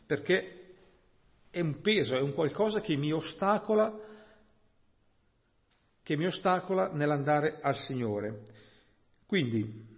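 Preacher in a reverberant hall. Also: male voice, on the high side, expressive. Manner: slow, emphatic Bible exposition with rhetorical "no?" and "hm?". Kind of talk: sermon. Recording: dull, long-reverb church hall sound.

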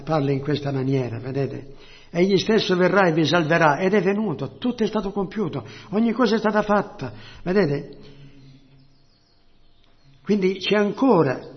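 A man with a high voice preaches a sermon. He calls out alleluia and keeps asking the congregation questions. The recording sounds dull and lo-fi. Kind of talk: Pentecostal-style sermon.

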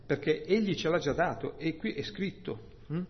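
A man preaching a sermon, expounding scripture slowly and emphatically, often checking in with "no?" and "hm?". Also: a little high, a little hiss or hum. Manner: slow, emphatic Bible exposition with rhetorical "no?" and "hm?". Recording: dull, long-reverb church hall sound.

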